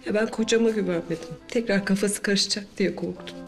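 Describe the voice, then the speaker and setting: A woman's voice: mid-range voice, fairly even intonation, quick pace, gravelly, soft background music, close to an everyday voice. An actress playing a remorseful, guilt-ridden mother. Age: middle-aged. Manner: soft, emotional confession, at times whispered. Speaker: mother character in a TV drama. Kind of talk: TV drama acting.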